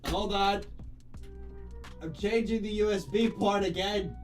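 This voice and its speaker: A man's voice: high-pitched, a little slow, distant mic, faint music behind. Man muttering from under his desk. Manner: mutters to himself while fiddling with cables. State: ducked under his desk, away from the mic. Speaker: game streamer. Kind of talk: casual live-stream chatter.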